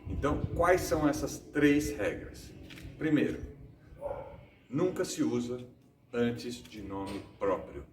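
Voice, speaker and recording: A Brazilian man hosting a casual English lesson from home, explaining rules with rhetorical questions and slowing down to stress his examples. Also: mid-range voice, reverberant, far from the mic, noisy background. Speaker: English teacher and host.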